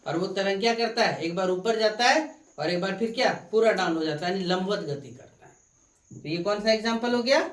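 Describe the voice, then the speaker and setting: A science tutor lectures her class in a medium-pitched, brisk voice, repeating key points and posing questions for students to answer in call-and-response fashion. The recording is echoey, with her far from the mic.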